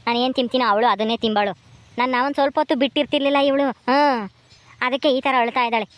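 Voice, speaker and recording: A woman voicing a gentle elder brother in a cartoon, soothing in a lowered voice. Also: racing, dry recording, close to an everyday voice. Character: gentle adult elder brother, soft-spoken.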